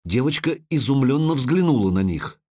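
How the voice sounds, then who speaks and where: A man narrating a fantasy audiobook with dramatic delivery, slowing down on violent moments, close on a microphone. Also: mid-range voice, animated, darkish tone, no echo.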